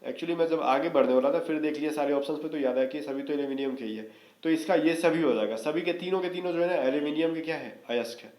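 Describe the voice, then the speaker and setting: A man's voice: fairly high pitch, quick pace, darkish tone. Casual man teaching in an echoey room. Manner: casual coaching, frequent "theek hai" check-ins. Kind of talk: exam-prep lesson.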